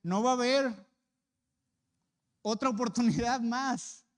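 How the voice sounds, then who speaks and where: A man voicing a desperate blind beggar who cries out loud, pleading for mercy. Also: extremely high pitch, takes it slowly, in a large hall, pitched above the performer's own voice. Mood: crying out.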